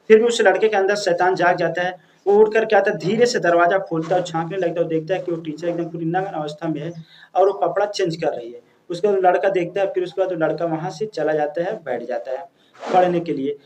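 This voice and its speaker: A man's voice: high voice, a little mellow, a little hiss or hum. A man narrating a story in a casual, chatty way, addressing his listeners as friends, with frequent restarts and fillers.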